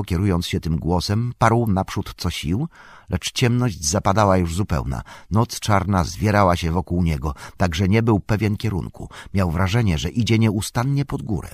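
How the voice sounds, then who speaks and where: Male audiobook narrator, low voice, husky tone, lively intonation, dry close sound. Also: dry recording. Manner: measured, expressive storytelling. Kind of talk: scripted narration of a fantasy novel.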